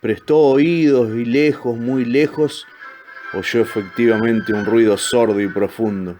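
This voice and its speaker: Calm male storybook narrator. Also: mid-range voice, faint music behind. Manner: calm, measured telling. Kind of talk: storybook reading.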